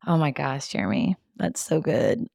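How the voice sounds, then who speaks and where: Low-voiced woman podcast host. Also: moderate pace, gravelly, no echo, clean studio sound. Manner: warmly affirming, enthusiastic. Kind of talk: casual podcast conversation.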